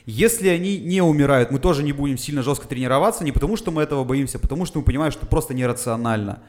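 A fitness coach from Russia's Urals region talks casually on a podcast, walking through things step by step and filling gaps with lots of "uh" sounds. His voice is medium in pitch and slightly mellow, and he speaks very fast.

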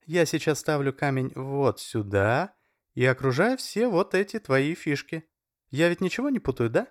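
Male narrator doing young woman, scared and pleading, high strained voice. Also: lively intonation, normal speed, no echo, clean studio sound, close to an everyday voice. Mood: puzzled.

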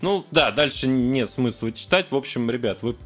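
A man's voice: medium pitch, lively intonation, moderate pace, fairly bright tone, soft background music. A young adult man co-hosting a podcast, chatting casually and reading aloud in an informal, joking way. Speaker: podcast co-host.

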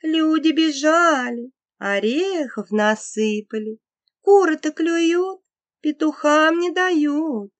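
Casting: woman playing wheedling fairy-tale vixen, high, slow, sing-song delivery. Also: animated, no room sound. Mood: sly coaxing. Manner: sing-song, drawn-out coaxing. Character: sly, coaxing female fox singing to lure prey.

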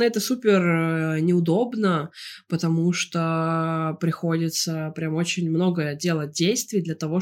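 A woman from Russia co-hosting a podcast, talking casually and reflectively about herself, pausing to search for words. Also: fairly low pitch, darkish tone. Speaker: podcast co-host. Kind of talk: casual personal chat.

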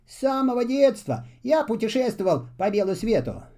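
A man's voice: high voice, big pitch swings, normal speed, mellow, voice pushed up. A man voicing a cheerful, eager little male traveler in a children's story, full of exclamations.

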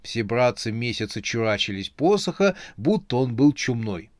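A man narrating a humorous horror story in a lively, expressive reading. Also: mid-range voice, normal speed, no room sound, studio quality.

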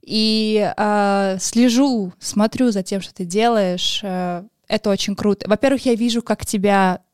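A woman hosts a relaxed interview podcast, chatting with real enthusiasm while often pausing on small fillers. Her voice sits at a middle pitch. It is recorded dry and close, with no room sound. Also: clean tone, dry recording. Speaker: podcast host. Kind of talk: casual interview chat.

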